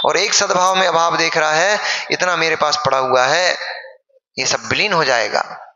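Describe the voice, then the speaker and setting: Man, monk, lively sermon, high voice, echoey hall, dull lo-fi sound. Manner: animated preaching, acting out wailing mourners. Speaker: Jain monk preacher.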